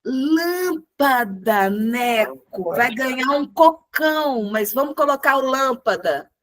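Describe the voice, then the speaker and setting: A woman teaching a group music lesson over a video call, encouraging the class and chanting words slowly in rhythm. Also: high-pitched, expressive, fairly bright tone.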